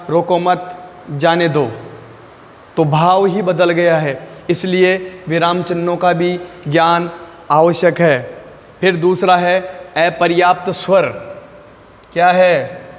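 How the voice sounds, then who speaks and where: Slow, flat-voiced male lecturer. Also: high voice. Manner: slow, repeating key phrases word by word. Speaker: teacher. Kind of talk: exam-prep lecture. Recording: long reverb, faint noise.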